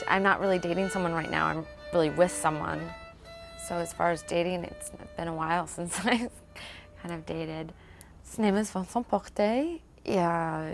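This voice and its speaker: Woman, interview, relaxed chatty talk, lowish pitch, soft music behind. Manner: relaxed, chatty, hesitant fillers. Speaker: family member interviewed. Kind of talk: casual interview answers.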